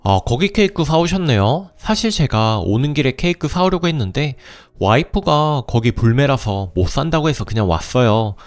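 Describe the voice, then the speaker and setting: A man's voice: medium pitch, sing-song, normal speed, hardly any pauses. A man voicing a thoughtless husband who teases his wife with a laugh while reading a story aloud. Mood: teasing. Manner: laughing, teasing tone.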